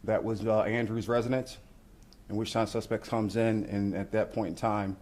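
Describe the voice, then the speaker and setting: A man speaking as a law enforcement official, walking reporters through footage in measured, procedural language. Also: fairly low pitch, level tone, a little mellow. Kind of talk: news briefing commentary on footage.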